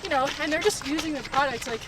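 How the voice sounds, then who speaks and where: A woman's voice: high-pitched, expressive, quick pace. A woman chatting casually in an interview while running outdoors, with lots of filler words. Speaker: interview guest, marketing professional. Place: outdoors, on the move. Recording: noisy outdoor recording, ambient vehicle sounds.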